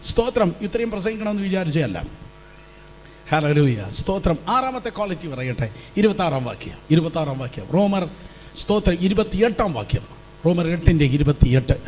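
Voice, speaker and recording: A man's voice: sits high, big pitch swings, fairly quick, a little mellow, a little hiss or hum. A man pastor preaching a fervent Pentecostal sermon in a church, urging the congregation to repeat lines aloud. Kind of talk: Pentecostal sermon with call-and-response. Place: church hall before a congregation.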